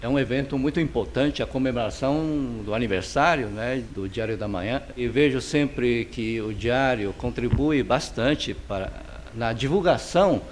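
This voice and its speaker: Chinese-accented man, unhurried and halting. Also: medium pitch, soft background music. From China. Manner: unhurried, many fillers and restarts. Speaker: painter and architect interviewee. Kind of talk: interview answers. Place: home studio with paintings, indoors. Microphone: handheld interviewer's mic.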